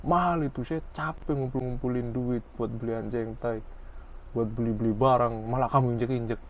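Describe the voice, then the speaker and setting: A man's voice: mid-range voice, steady tone, normal speed, a little mellow, recorded from a distance, a little hiss or hum, close to an everyday voice. A man voicing a petty, nagging male senior coworker who scolds a junior. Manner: nagging, self-pitying complaint.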